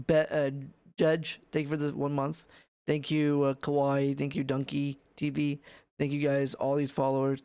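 Streamer guy wrapping up, loose and mumbly, dry livestream headset sound, mid-pitched. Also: darkish tone, smooth, dry recording. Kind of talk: casual chat with viewers.

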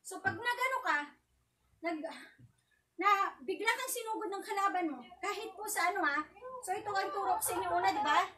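A woman vlogger teaching a casual self-defense lesson, out of breath, chatty and laughing, with sharp counted shouts. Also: very high-pitched, a little hiss or hum. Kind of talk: casual live tutorial with counted drills. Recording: voice distant from the mic.

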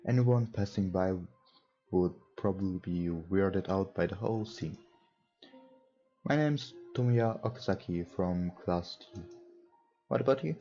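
Game music and mouse clicks sit behind a young non-native English speaker reading a visual novel as a gaming host, tossing in hesitant, casual remarks. He speaks a little slowly in a low, mellow voice, pausing often, captured on a dull lo-fi mic with music behind.

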